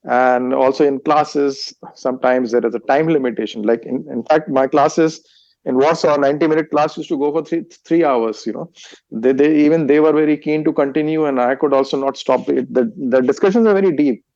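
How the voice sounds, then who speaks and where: Here a man from India, a Hindi speaker with an Indian accent, is interviewed as a guest author and meditation teacher, answering with halting speech and plenty of restarts and fillers. His medium-pitched voice is gravelly and a little mellow, and the audio is dull with no room sound.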